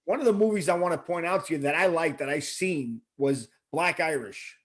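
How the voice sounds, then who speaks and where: Male host, slightly high voice, gushing fan energy, loose casual talk. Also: a little fast, fairly bright tone. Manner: enthusiastic fan, swears freely, quotes lines. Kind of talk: casual interview chat.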